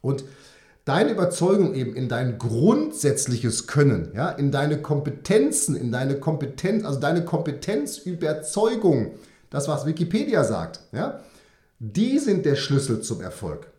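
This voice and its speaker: Lively man coaching golfers in a roomy space. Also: on the high side, measured pace. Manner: lively, fillers, frequent "ja?" checks. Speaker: golf mental coach. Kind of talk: podcast monologue.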